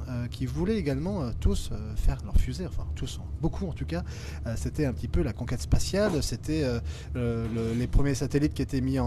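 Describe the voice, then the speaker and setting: A man, a studio guest and association president, answering at length in a halting way with many fillers and restarts. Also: mid-range voice, background noise. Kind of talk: hesitant studio talk-show answers. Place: web TV studio set at a robotics event.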